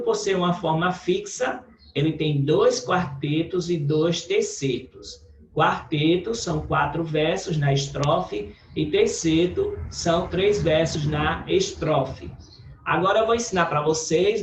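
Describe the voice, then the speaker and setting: A man's voice: on the high side, a little hiss or hum. A male teacher with a Brazilian Portuguese accent, patiently explaining a recorded lesson with many check-ins to the class. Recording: echoey room, dull lo-fi audio.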